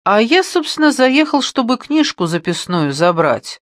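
A man doing a high-voiced, mocking friend. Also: big pitch swings, unhurried, a bit bright, no echo, studio quality, heavily acted. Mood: ironic. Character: man, easygoing, ironic friend.

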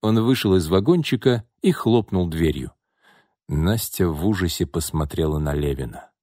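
A man reads an audiobook with a low voice that rises and falls a lot. The telling is expressive and steady, recorded close and dry. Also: normal speed, no echo. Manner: expressive reading. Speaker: audiobook narrator. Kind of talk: scripted narration.

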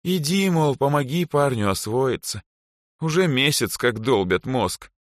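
A man's voice: medium pitch, no room sound, clean studio sound, voice pushed up, close to an everyday voice. A man doing a bored, sulky teenage girl. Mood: bored, sarcastic. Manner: slow, flat and listless.

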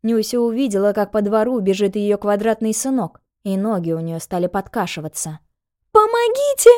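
Calm woman reading an audiobook. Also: mid-range voice, a little fast. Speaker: narrator. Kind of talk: audiobook narration.

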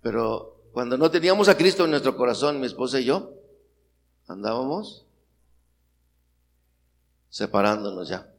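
Mexican preacher guy, middle-aged, keeps asking the congregation stuff, echoey church, faint hiss. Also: medium pitch. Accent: Mexican Spanish. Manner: rousing, asks the congregation questions. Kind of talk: sermon. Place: church hall. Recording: long hall reverb, faint noise.

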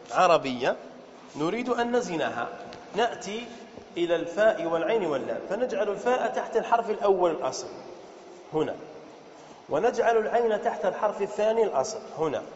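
High-voiced man teaching in an echoey hall. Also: a little mellow. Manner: explains step by step, repeats, quizzes listeners with questions; slows down to spell out pattern words. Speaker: sheikh teaching Arabic morphology. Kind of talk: classroom lesson. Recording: dull, echoey hall with faint noise.

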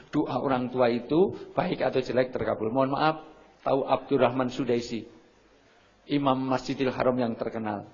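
A middle-aged man lecturing an audience, lively, acting out shouted examples and often apologizing politely. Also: mid-range voice. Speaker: seminar speaker. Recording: muffled lo-fi recording.

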